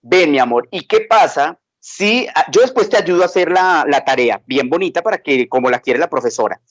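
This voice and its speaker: A man voicing a gentle, patient father who softly coaxes his young daughter. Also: fairly high pitch, animated, brisk, no echo, dull audio. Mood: gentle, coaxing. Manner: soft, coaxing.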